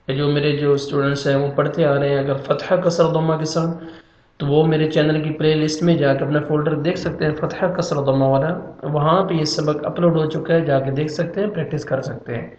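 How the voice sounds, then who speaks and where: A man's voice: fairly high pitch, reverberant, highs cut off. A man giving a Quran reading lesson, patiently spelling out letters and vowel marks syllable by syllable. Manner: patient, instructive, drills syllables one by one. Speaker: Quran teacher.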